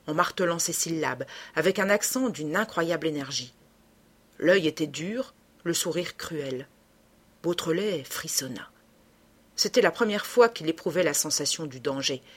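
A woman narrating a classic novel in an audiobook. Her voice is husky and somewhat low. She reads in a steady, expressive way. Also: normal speed.

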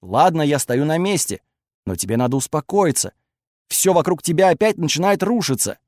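A patient young hero speaks in a steady, coaxing voice that sits a little high, as a male audiobook reader plays him. The recording is dry and close. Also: normal speed, no room sound. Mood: coaxing, calm. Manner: calm and coaxing. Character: calm, patient young man, the story's hero.

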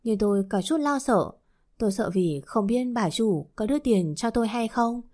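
A woman reading a romance novel aloud in the first person, in an even storytelling voice. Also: on the high side, moderate pace. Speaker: audiobook narrator. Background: faint music.

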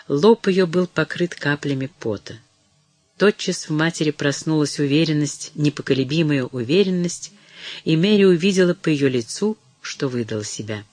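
A male audiobook narrator with a fairly high voice reads in a measured, dramatic way. The sound is dry and close, with no room around it. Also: a little mellow, dry recording. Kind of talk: scripted narration.

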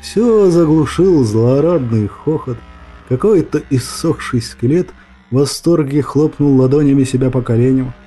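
A male narrator telling a fairy tale with dramatic, expressive delivery. His tone is very dark and mellow at a middle pitch. Soft music plays faintly underneath. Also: measured pace. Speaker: audiobook narrator.

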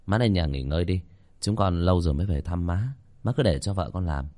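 A jovial middle-aged uncle ribs his nephew in a brisk, lively way, as a male narrator reads him. His voice stays fairly low yet swings in pitch. It is a spoken storybook. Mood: teasing.

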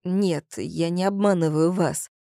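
A woman's voice: on the low side, measured pace, creaky, warm tone, dry recording, clean studio sound. A woman reading the part of an easygoing, carefree young man in an audiobook. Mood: offhand. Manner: easygoing, offhand. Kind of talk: audiobook character voice.

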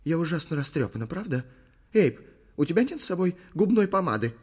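A man's voice: a little high, sing-song, a little fast, husky, pitched above the performer's own voice. A man voicing a frightened, whiny young actress in an audiobook, whimpering and pleading.

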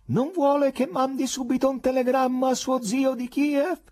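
A mocking, eccentric devil posing as a foreign professor, put on by a male audiobook reader. His husky voice leaps high and swings wildly, alternating between sly pleading and shrill cries. The sound is dry and close. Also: huge pitch swings, unhurried, darkish tone, dry recording, exaggerated voice. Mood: shouting. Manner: theatrical, shrill laughing outbursts.

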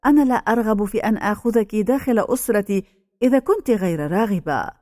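A woman voicing an aging male village pastor who speaks slowly and solemnly. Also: medium pitch, darkish tone, no room sound, clean studio sound, lightly acted. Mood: grave.

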